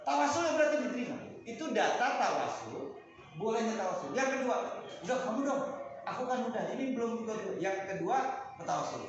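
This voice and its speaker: Animated preacher in an echoey hall. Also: male voice, sits high, normal speed. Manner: animated storytelling with sudden loud peaks, Arabic recitation. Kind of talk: sermon. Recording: distant roomy muffled recording with background noise.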